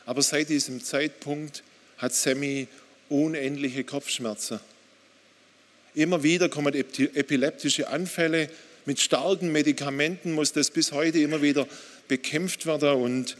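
A man's voice: a little high, fairly even intonation, a little slow. A man preaching a sermon, speaking straight to the listener with questions and reading quoted passages with growing intensity. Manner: direct, addresses listener with questions; reads quotes aloud with rising intensity. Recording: long hall reverb.

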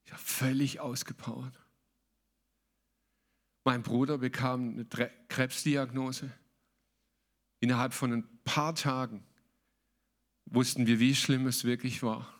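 A man's voice: medium pitch, flat delivery, takes it slowly, long pauses. A man preaching a sermon as a pastor, emphatic and colloquial, mixing in English words.

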